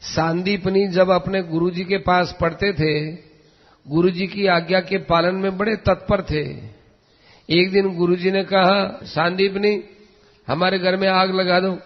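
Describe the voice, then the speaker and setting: A man's voice: high voice, flat delivery, a little slow, long reverb tail, muffled recording. A man giving a devotional sermon, telling a parable and acting out the voices in it. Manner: storytelling, acts out voices of the story. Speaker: preacher.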